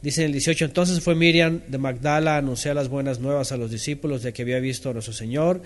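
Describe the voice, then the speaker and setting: A man's voice: mid-range voice, steady tone, fast. A man teaching a Bible lesson, asking questions, reading out listeners' answers and reading passages aloud with comments. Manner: asks questions, reads out responses from listeners; reads scripture aloud, stopping to comment.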